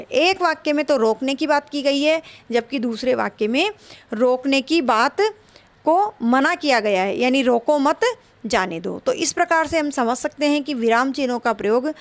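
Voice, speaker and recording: A woman teaching a Hindi grammar lesson for an exam, slow and explanatory, repeating her points. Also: sits high, no echo.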